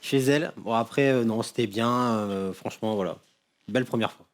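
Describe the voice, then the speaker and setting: A man's voice: mid-range voice, moderate pace. A man on a TV game show, answering bluntly in short phrases and telling a casual story. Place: TV studio.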